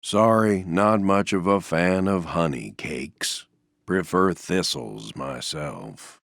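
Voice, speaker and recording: Heavily acted video game lines voice a sad, soft-hearted stuffed donkey, performed by a man in a gravelly, very deep, slow drawl. Flat and resigned, his phrases tend to fade out at the end. The audio is dry and close-miked, with no room sound.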